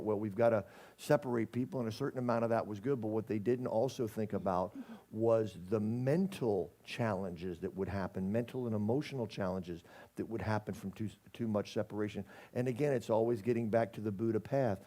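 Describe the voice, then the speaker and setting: Male minister, casual sermon, folksy and joking, mellow warm voice. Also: fairly low pitch. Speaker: spiritual community minister.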